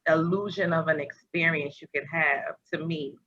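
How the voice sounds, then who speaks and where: A podcast host with a low, steady female voice chats casually about spiritual matters over a video call, meandering and searching for words at a moderate pace. A noisy crowd sits beneath her, and the audio is dull and lo-fi with faint noise.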